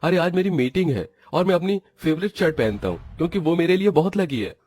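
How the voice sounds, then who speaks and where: A man plays a demanding young husband who grumbles at his wife in a storybook drama. His voice is a bit high and husky, recorded dry. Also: animated, fast, darkish tone, no echo. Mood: teasing. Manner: complaining, impatient.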